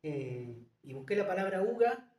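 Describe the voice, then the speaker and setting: A man's voice: high-pitched, very animated, moderate pace, darkish tone. A man, a guest in a casual interview, who talks hesitantly with many fillers and restarts. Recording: echoey room, distant mic.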